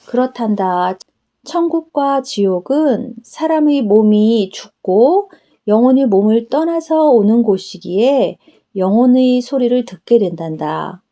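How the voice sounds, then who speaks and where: A woman's voice: fairly high pitch, lively intonation, unhurried, warm tone. A woman preacher voicing Jesus as a tender, solemn, fatherly figure who instructs her. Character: Jesus, gentle fatherly male divine voice.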